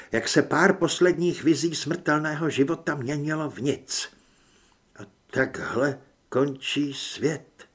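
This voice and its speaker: A man's voice: on the high side, vocal fry, slightly rough. A man narrating an audiobook in a dramatic way, acting out the dialogue as he reads.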